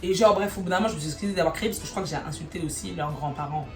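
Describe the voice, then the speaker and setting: A woman casually telling a story in an animated way, swearing freely. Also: fairly low pitch, racing, soft background music. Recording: roomy echo.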